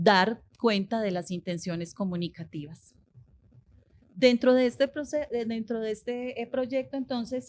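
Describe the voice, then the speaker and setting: A woman lecturer with a somewhat high voice explains a linguistics topic to a conference audience. She asks herself rhetorical questions and then answers them. She fills her pauses with hesitations. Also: a little mellow.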